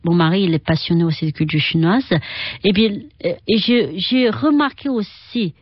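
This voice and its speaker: A middle-aged woman speaks French with a Chinese accent, in a fairly low voice. She talks haltingly and leans on fillers while she hunts for words. The sound is dry and a bit muffled. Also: breathy edge, no echo. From China. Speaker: guest, Qigong and Tai Chi teacher. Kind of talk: radio interview.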